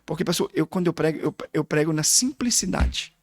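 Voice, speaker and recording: A man's voice: on the high side, animated, a little fast, no echo, clean studio sound. A middle-aged man with a Brazilian Portuguese accent, a guest pastor telling an emotional testimony full of quoted dialogue in a casual interview.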